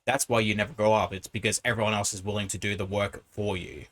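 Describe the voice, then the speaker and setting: A man's voice: lowish voice, little pitch movement, fast talker, fairly bright tone. A man hosting a reaction video, giving casual commentary in a critical, explanatory way.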